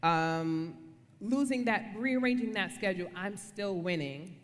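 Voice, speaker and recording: A woman's voice: mid-range voice, a little slow. A woman giving a casual devotional talk on marriage as co-speaker, conversational and playful, often checking for agreement. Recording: reverberant room.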